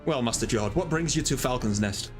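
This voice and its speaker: A stately knight commander, voiced by a man reading a game's lines aloud, formal and polite. His voice is plain and mid-pitched. Light music runs behind him. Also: expressive, fairly quick, lightly acted. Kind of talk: reading game dialogue aloud.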